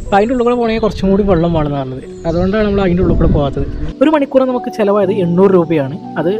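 A man's voice: high voice, lively intonation, very fast. A man narrating a casual travel vlog, mixing English words into his Malayalam. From Kerala, India. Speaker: travel vlogger. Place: outdoors on a small boat in mangroves. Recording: music over outdoor vlog audio. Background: prominent music.

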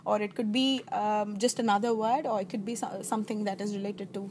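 A woman's voice: mid-range voice, fairly even intonation, rapid-fire, a little mellow, a little hiss or hum. A young woman with a South Indian accent hosting a casual interview, sometimes slipping into Tamil. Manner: mixes Tamil into English, repeats words while phrasing. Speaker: interviewer and host. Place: outdoor garden seating.

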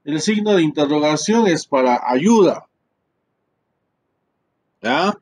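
Man, teacher, higher voice, unhurried and chatty, full of fillers. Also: expressive, a little hiss or hum. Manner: slow, chatty, tag questions, many fillers. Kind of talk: live screen-share tutorial.

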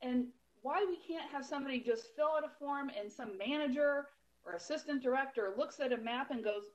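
A woman on a city council giving steady, explanatory remarks at a meeting, pointed about bureaucracy. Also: sits high, fairly quick, muffled recording.

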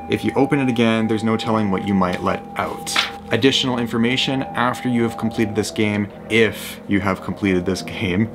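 A man in his twenties talking casually to camera as a vlogger, nervous and excitable, with frequent filler words. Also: on the low side, creaky. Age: 20s. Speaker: vlogger doing a paranormal challenge. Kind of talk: casual vlog talk to camera. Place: small indoor rooms in a home basement.

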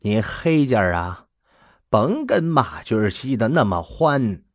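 A man's voice: medium pitch, big pitch swings, dry recording, studio quality. A man doing a stern old grandmother. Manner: slow, measured, pressing questions.

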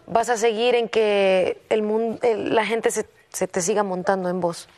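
A young woman, a contestant, telling her teacher a personal story in a soft, hesitant way, often stopping and restarting her sentences. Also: medium pitch, fairly even intonation, a little slow. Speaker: singing competition contestant.

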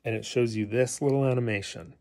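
Demonstrating a gadget indoors in a living room, a man hesitates and rambles through a casual, improvised tutorial. His medium-pitched voice is steady, brisk and a little mellow, and the recording has a slight hiss or hum.

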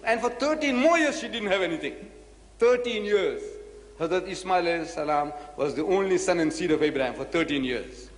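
A man's voice: high voice, animated, fairly quick, a little hiss or hum. A man preaching to an audience, emphatic and full of rhetorical questions and repeated phrases. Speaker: Islamic preacher. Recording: echoey hall recording.

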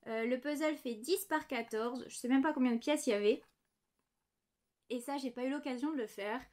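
A woman's voice: high-pitched, moderate pace, darkish tone. Chatty woman showing knitting supplies. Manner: chatty, apologetic, fond of small details. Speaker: knitting podcast host. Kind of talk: casual show-and-tell chat. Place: home desk, indoors.

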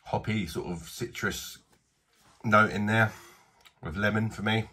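British man, thirties, low voice, husky, bright edge, casual beer review, small home bar. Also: fairly even intonation, a little slow. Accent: British English. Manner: chatty, blunt, self-deprecating.

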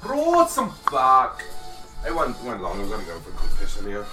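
A man streaming a football video game live, excitable and swearing freely as he banters with his chat through a headset. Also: fairly low pitch, rapid-fire, music in the background. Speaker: gaming streamer.

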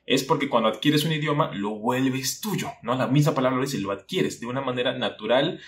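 A man's voice: mid-range voice, fairly quick. Casual man explaining to the viewer. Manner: conversational, asks the viewer questions, acts out a teacher. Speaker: language-learning YouTuber.

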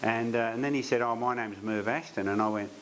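A man, a painter, telling animated stories in an interview and acting out the voices he quotes. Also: mid-range voice, brisk, a little hiss or hum, low-quality recording. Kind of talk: storytelling interview.

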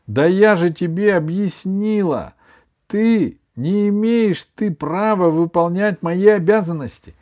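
A man voicing a fussy, bossy old grandmother who cries easily, speaking in a high, loud, indignant scolding tone. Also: takes it slowly, dull audio.

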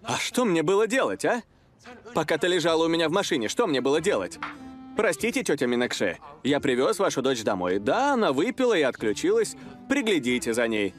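A young man played by a voice actor with a mid-pitched, very animated delivery, sarcastic and exasperated. It sounds like dubbed television drama with some music underneath. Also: a little fast, lightly acted. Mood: exasperated, mocking.

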